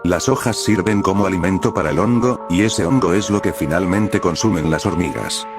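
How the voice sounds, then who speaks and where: A man reading scripted nature documentary narration in a measured, explanatory storytelling manner. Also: deep voice, over music.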